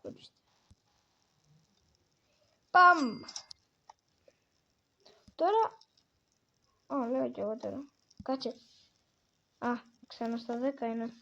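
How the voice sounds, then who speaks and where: Woman narrating her game out loud, high voice, kinda muffled recording. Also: lively intonation, vocal fry, long pauses. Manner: talks to herself and the game, exclaiming often. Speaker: gamer. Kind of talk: casual gameplay commentary.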